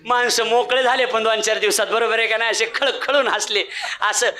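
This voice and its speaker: A man's voice: very high voice, a little fast. A man giving a humorous kirtan sermon, mimicking villagers and chanting devotional refrains. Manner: comic mimicry of villagers, lively bhajan chanting. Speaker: kirtankar preacher.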